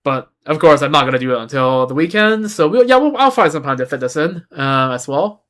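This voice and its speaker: This young native Chinese speaker from Beijing sounds very animated and brisk, his voice on the high side and a bit bright. He chats casually as a game streamer, drifting from point to point and correcting himself.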